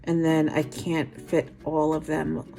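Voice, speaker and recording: A woman's voice: deep voice, completely flat delivery, slow pace, gravelly, mellow, soft background music. Chatty New York woman teaching nails. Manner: chatty, self-deprecating asides. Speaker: nail art tutorial host. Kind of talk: casual step-by-step tutorial.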